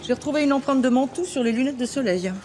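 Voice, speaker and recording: An actress playing a frank, teasing forensic police specialist in a TV crime drama, familiar and direct. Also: female voice, high-pitched, fast, mellow, faint music behind, lightly acted. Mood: matter-of-fact. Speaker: actor in a police series. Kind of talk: naturalistic TV crime drama acting.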